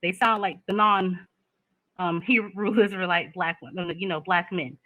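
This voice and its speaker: A woman's voice: fairly low pitch, steady tone, normal speed, sharp tone, rough recording. A woman, talking candidly in a casual chat and laughing often.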